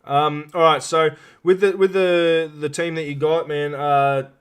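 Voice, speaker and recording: A man with a clean, smooth voice on the higher side hosts a live interview show. He talks informally and matily, often pausing as he builds each question. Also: little pitch movement. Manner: matey, informal, halting questions. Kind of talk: casual live interview hosting.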